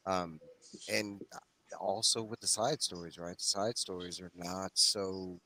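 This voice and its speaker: A man with a deep, bright, forceful voice hosts a comics read-along livestream, speaking a little slowly with fairly even intonation. He talks in a folksy, informal way with his co-hosts and viewers, casually discussing and recapping the plot.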